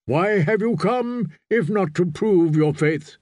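Voicing a fantasy audiobook's stern, fervent sea-god priest, a man delivers a solemn, commanding, dramatic character performance with his voice pushed upward. It sits high, moves slowly and has a slightly mellow quality. The recording is dry and of studio quality.

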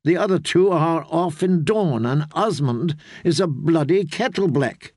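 A man's voice: fairly high pitch, expressive, a little slow, darkish tone, no echo, clean studio sound. A man voicing a proud, frightened young queen. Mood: scornful. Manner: heated, indignant pleading. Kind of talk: audiobook character reading.

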